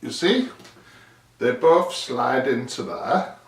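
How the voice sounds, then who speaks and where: The audio, echoey and hissy from a distant mic, features an amateur DIY creator walking through a casual demonstration. His gravelly mid-range voice has lively intonation and a slow pace as he rambles and thinks aloud, running himself down a bit.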